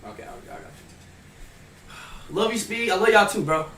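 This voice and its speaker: A young man streams live, talking to his chat in a high, bright voice that leaps around. He swings from loud hype to nervous mumbling. The sound is roomy and a little distant, with faint hum behind it. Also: animated, a little fast.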